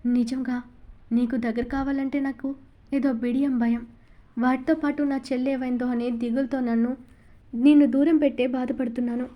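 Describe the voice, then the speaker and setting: A woman's voice: high voice, little pitch movement, normal speed, muffled recording, lightly acted. A woman reading a bashful young wife. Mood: earnest. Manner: shy, earnest. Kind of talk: audiobook novel reading.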